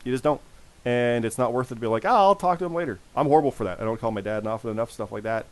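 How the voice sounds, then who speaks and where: A man in his forties with a hoarse, worn voice, hosting a casual podcast and repeating phrases for emphasis. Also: fairly low pitch, level tone, very fast, a little mellow. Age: 40s. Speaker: podcast host.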